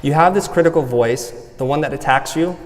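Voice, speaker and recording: On stage, a man with a fairly high-pitched voice delivers a motivational talk at a brisk clip, walking the audience through an exercise in an earnest, personal manner. Long reverb from the hall colors the recording.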